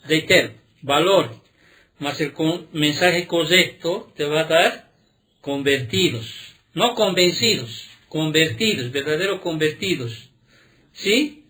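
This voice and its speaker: Emphatic bright-voiced male pastor. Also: on the high side. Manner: rhetorical questions, frequent "¿sí?" checks; emphatic, drawn-out key words. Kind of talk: sermon.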